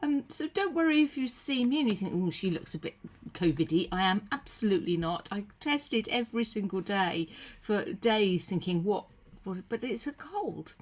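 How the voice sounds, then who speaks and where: Speaking into her computer's webcam at home, a woman leading a short devotional sounds husky and croaky from a cold. Her mid-range voice is animated and at normal speed, and she talks to camera in a gentle, chatty manner full of ums and quiet asides.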